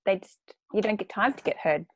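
A woman's voice: medium pitch, brisk, no room sound, poor audio. Casual woman interviewer, dry close sound.

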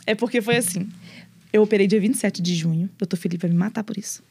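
A young adult woman, a guest on a podcast, telling her own story casually and in an animated way, acting out what people said. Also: mid-range voice, fast, husky. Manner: animated, storytelling with lots of quoted dialogue.

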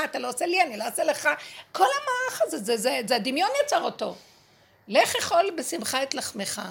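A woman's voice: a little high, vocal fry, a bit bright. A woman giving a spiritual lesson to a group, talking emphatically and acting out prayers and dialogue. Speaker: spiritual teacher.

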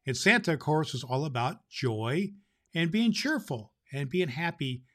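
A man playing a jolly old Santa Claus who hosts a show and reads a Christmas story aloud, with booming ho-ho laughs. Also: expressive, measured pace, a bit bright. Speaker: host. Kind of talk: storytelling podcast.

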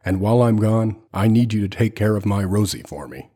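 Gruff, playful soldier father, deep mock-stern tone, husky; man reads it. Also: brisk, warm tone, close to an everyday voice. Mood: gruff, affectionate.

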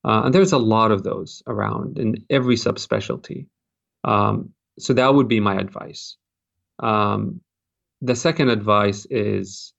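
A man from Jordan, a cardiologist, giving measured advice in an interview with many fillers and restarts. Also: lowish voice, creaky, lo-fi sound. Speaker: cardiologist, fellowship program director.

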